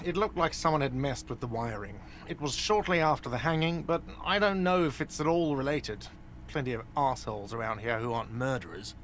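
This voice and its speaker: A man's voice: mid-range voice, fairly quick, a bit bright, a little hiss or hum, lightly acted. A man voicing an irritable, sarcastic male cafeteria manager in a video game. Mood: irritated. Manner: sarcastic, curt.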